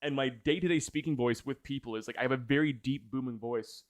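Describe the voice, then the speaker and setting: A video essayist chats casually with viewers on a livestream, his mid-range voice moving a little fast in clean studio-quality sound with no room echo. He's enthused and rambling, often correcting himself.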